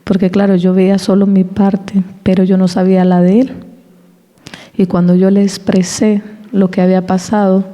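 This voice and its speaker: A woman giving a personal testimony in a church service, telling her story with lively acted-out dialogue and the occasional laugh. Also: mid-range voice, normal speed. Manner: animated storytelling, acting out quoted dialogue; laughs between anecdotes. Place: church hall. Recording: long reverb of a church hall.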